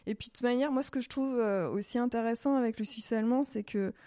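A woman from Alsace chatting as a guest in a relaxed interview, telling her story at an easy conversational pace. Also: fairly high pitch, fast. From Alsace, France. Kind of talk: casual interview chat.

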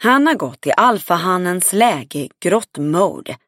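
Woman reading a swearing, self-assured woman friend; low voice, dry booth sound. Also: big pitch swings, fairly bright tone, dry recording. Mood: persuasive. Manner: outspoken and emphatic, swears freely. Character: blunt, confident adult woman friend. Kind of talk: audiobook dialogue reading.

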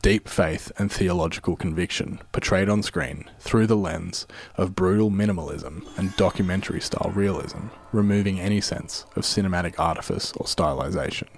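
A man's voice: low voice, moderate pace, few pauses. A man giving scripted narration in the style of a film-analysis video essay.

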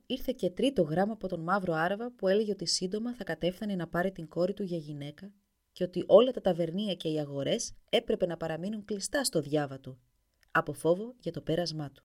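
A woman narrating a folk tale in an expressive storybook reading. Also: lowish voice.

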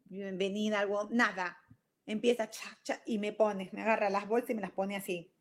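A woman's voice: medium pitch, moderate pace, noisy background. A middle-aged woman with a Rioplatense Spanish accent, hosting a show and telling a personal story in a casual monologue, mixing in English words. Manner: animated, slips into English words. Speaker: show host.

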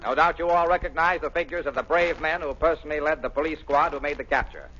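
An actor playing a brash male waxworks barker with loud showman patter in an old radio drama. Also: on the high side, fairly even intonation, quick pace, husky. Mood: lecturing. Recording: muffled old radio, crowd behind.

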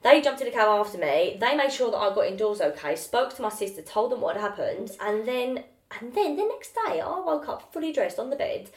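A woman's voice: on the high side, brisk. A young woman co-hosting a podcast, telling stories with lots of swearing and acted-out quotes. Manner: animated storyteller, acts out quotes, swears freely. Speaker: podcast co-host. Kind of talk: casual chat. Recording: roomy echo.

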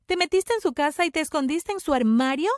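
A woman's voice: sits high, animated, brisk, no room sound, clean studio sound. A woman voicing a stern middle-aged mother who scolds her daughter seriously. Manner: serious, rising to shouting.

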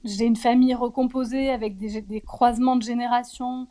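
This is a woman in her 40s being interviewed about her personal life; she's frank, reflective, and hesitant, with many pauses on fillers. She has a fairly high, dark-toned voice that stays steady.

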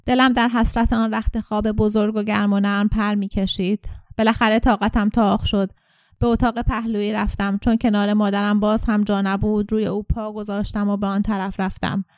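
A woman narrating an audiobook story in a steady, clear storytelling voice. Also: medium pitch, dry recording, studio quality.

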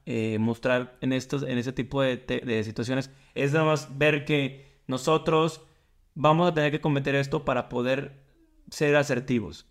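Male co-host, thoughtful rambling storyteller. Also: fairly high pitch. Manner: reflective, meandering storyteller. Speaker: podcast co-host. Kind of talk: casual podcast chat.

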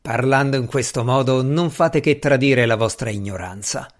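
A man's voice: medium pitch, normal speed, lightly acted. A man voicing a sarcastic, sneering male asylum doctor in an audiobook.

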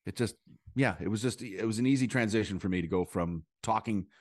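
A male comedian chatting as a podcast guest, his voice sitting low and recorded dry and close with no room sound. He rambles through stories with quick asides and fillers. The tone is loose and conversational. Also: no echo. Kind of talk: casual conversation.

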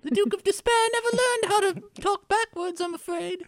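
Someone playing a sorrowful gothic duke, theatrical, voice pitched very high. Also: moderate pace. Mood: mournful. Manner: mournful, theatrical. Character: gloomy gothic duke of despair, melodramatic. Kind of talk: improvised character voice in casual chat.

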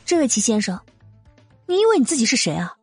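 A man voicing an indignant, proud young wife in an audiobook, firing off rapid, heated retorts. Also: very high voice, very animated, slightly rough, voice pushed up, full character voice. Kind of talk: audiobook character voice. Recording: dry close mic with faint music.

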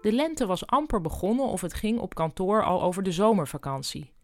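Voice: mid-range voice, very animated, brisk, darkish tone, dry recording, clean studio sound, faint music behind. A narrator reading a novel aloud in a plain, matter-of-fact storytelling manner. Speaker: audiobook narrator. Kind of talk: scripted narration.

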